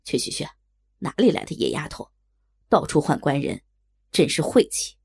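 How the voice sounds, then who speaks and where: A woman voicing gruff, brusque common men who work as tavern waiters, in a low gravelly put-on voice. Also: lively intonation, a little slow, darkish tone, no echo, clean studio sound, exaggerated voice. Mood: impatient. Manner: brusque, offhand. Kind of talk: storytelling voice acting.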